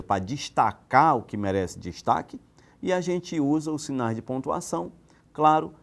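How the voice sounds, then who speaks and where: A man from Brazil giving a recorded grammar lesson, explaining with rhetorical questions and lively swings in pitch. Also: noisy background. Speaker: teacher.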